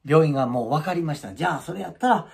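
A man's voice: a little high, racing, gravelly. A middle-aged man telling a story casually as a channel host, acting out the people in it. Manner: animated, acts out quoted voices.

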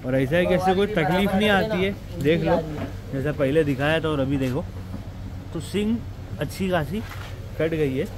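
Over the noise of a crowd, a man with a fairly high voice speaks at a moderate pace. He chats casually to viewers, laying out goat farm work step by step and talking to them directly, outdoors on a goat farm and a street. The vlog is recorded through a clip-on mic after setup amid traffic noise.

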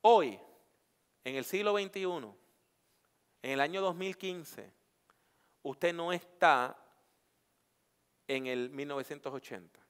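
A man's voice: fairly high pitch, slow pace, pauses often, clean tone. A middle-aged man from Puerto Rico with a neutral Latin American Spanish accent, leading a preaching workshop and firing rhetorical questions at the audience. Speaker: workshop leader and pastor. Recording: long reverb of a large hall.

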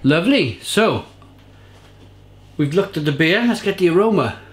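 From an indoor home kitchen bar with shelves of bottles, a man in his thirties gives an enthusiastic, casual beer tasting review to camera, gesturing a lot as he describes flavours. His fairly high voice is expressive and at normal speed. The recording has a roomy sound and a little hiss or hum.

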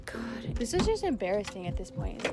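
A woman's voice: mid-range voice, big pitch swings, moderate pace, in a whisper. A young woman venting to camera in a casual vlog, exasperated and swearing freely. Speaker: vlogger's girlfriend.

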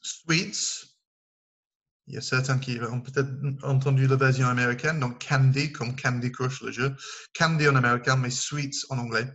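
A man's voice: mid-range voice, steady tone, moderate pace, a bit bright, muffled recording. A man teaching a recorded online English lesson, explaining step by step and counting down aloud for his learners.

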